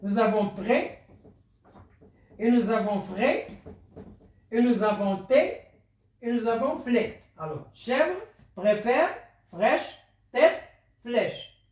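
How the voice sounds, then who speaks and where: A teacher explaining a French spelling lesson, slow, repetitive and patient. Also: medium pitch, darkish tone. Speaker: primary school teacher. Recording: roomy, distant from the mic.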